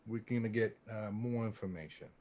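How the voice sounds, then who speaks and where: Wry man with a lowish voice, role-playing. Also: steady tone, fairly quick, darkish tone, dull audio. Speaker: player in a tabletop role-playing game. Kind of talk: improvised in-character table talk.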